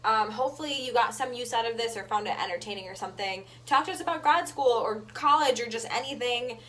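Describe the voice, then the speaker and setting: Quick and fairly high-pitched with a fairly bright tone, this twenties-aged woman co-hosts a vlog, chatting casually to the camera. Her audio comes from a distant mic in an echoey room, with plenty of noise.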